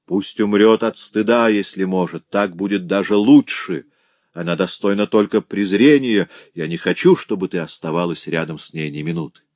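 A man's voice: sits low, normal speed, a little mellow, dry recording, close to an everyday voice. A man reading aloud and voicing a stern, proud middle-aged farm mistress who speaks coldly and with scorn, in a dry recording. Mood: scornful. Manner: cold, scornful.

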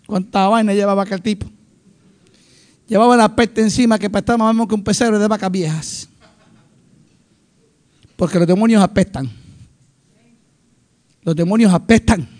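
A middle-aged male pastor preaching with passion, swinging between loud declarations and hushed asides. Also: high-pitched, steady tone, normal speed, pauses often. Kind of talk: sermon.

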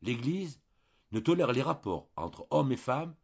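A man voicing a shrewd, curious old country priest who gives calm, authoritative advice. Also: medium pitch, unhurried, creaky, breathy edge, dull audio, voice pushed up, full character voice. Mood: calm advising.

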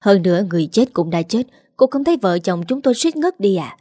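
A sly, scheming middle-aged husband, as a woman reader puts him on, talking fast and pushy with a mellow, dry tone. He sounds quick to defend himself in this storybook reading. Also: medium pitch, big pitch swings, dry recording. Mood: indignant.

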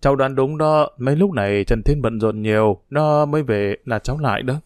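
A man's voice: medium pitch, brisk, a little mellow, no echo, clean studio sound, natural voice. A man voicing a worried, proper older aunt in a storybook reading. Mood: calm. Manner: anxious, fretful questioning.

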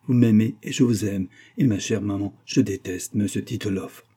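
A man's voice: fairly low pitch, moderate pace, mellow, slightly rough. A man reading a classic novel aloud, voicing a nineteen-year-old noblewoman who pleads and defies her mother. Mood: pleading. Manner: pleading, tense. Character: young noblewoman, nineteen, desperate and defiant.

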